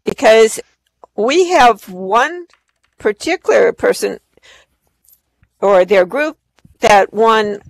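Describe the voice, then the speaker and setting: A woman's voice: a little high, lively intonation, slow pace, gravelly, long pauses, dry recording, low-quality recording. A woman presenting awards live at an online event as the host, effusive in her praise.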